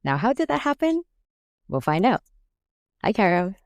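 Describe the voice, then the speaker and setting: A woman's voice: mid-range voice, sing-song, normal speed, no echo. A woman hosting a podcast, reading a scripted intro and then interviewing a guest in a friendly, inviting way. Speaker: podcast host.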